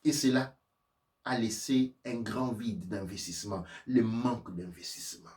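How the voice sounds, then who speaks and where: A man from sub-Saharan Africa, a spiritual teacher and preacher, gives an impassioned, sermon-like lecture that is emphatic, repetitive and driven by rhetorical questions. His low, darkish voice moves at a measured pace, reverberant and recorded from a distance.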